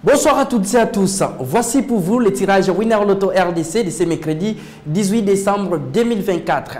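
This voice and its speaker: A man's voice: high-pitched, darkish tone. Bingo-caller style Congolese man announcing, noisy recording. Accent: Congolese French. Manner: ceremonious, formal address to viewers. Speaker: lottery draw presenter.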